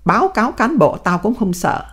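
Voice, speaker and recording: A scrawny, shifty male cellmate who whines when accused and turns sullen when he threatens, as a woman puts him on. His voice jumps up higher than the narration. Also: very animated, normal speed, a bit bright, slightly rough. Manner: whiny denials, sullen threats.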